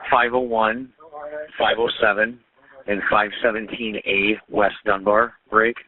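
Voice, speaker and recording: A man's voice: on the low side, level tone, measured pace. A police officer, a man, reporting in clipped, matter-of-fact radio procedure over a walkie-talkie. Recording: tinny dry radio transmission.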